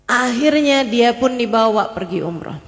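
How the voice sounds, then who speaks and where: A woman preacher telling a story in an animated way and speaking directly to her congregation. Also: a little high, measured pace, long reverb tail. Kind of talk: sermon storytelling.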